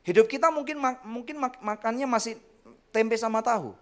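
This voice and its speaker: A male pastor preaching a sermon to a congregation, animated and joking, with sudden loud bursts and acted-out quotes. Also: very high-pitched, moderate pace. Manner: addresses the congregation often, jokes and laughs. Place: church service.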